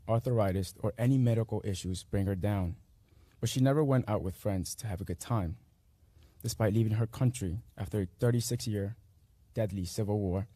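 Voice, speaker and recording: Reading his personal essay at a school graduation, a Guatemalan young man in his late teens whose first language is Spanish speaks in short, measured, earnest phrases. The voice is lowish and mellow, with no echo.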